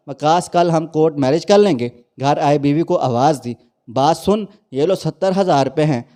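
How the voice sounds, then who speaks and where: A man's voice: on the high side, mellow. A man narrating a dramatic moral story in an emotional, preachy manner.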